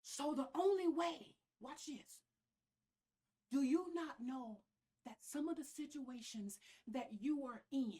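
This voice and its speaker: High-pitched Southern US woman preaching. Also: slow, warm tone. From American South. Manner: emphatic, repeats key phrases, folksy interjections. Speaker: pastor preaching. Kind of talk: church sermon.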